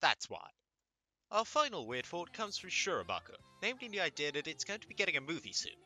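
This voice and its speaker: Over background music, the host of an anime commentary channel performs a scripted comedy piece with sarcasm, fake exasperation and plenty of profanity. He speaks fairly quickly in a highish voice with huge swings in pitch.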